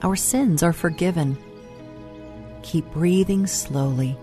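A woman with a low, mellow voice leads a guided meditation over music. Her delivery is soft and unhurried, with room left between phrases for breathing and prayer. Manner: soft, soothing, unhurried delivery with long pauses. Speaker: meditation host.

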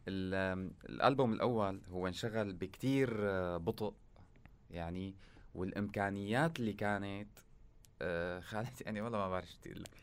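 Low-pitched, smooth, and quick, a Syrian Arabic-accented musician chats casually as an interview guest, delivering colloquial remarks in short bursts.

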